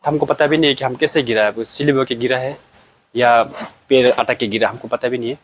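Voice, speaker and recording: A man who runs his own video channel, telling the story of his injury in a plain, halting, casual way. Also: medium pitch, steady tone. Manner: plain, halting personal account. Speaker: vlogger.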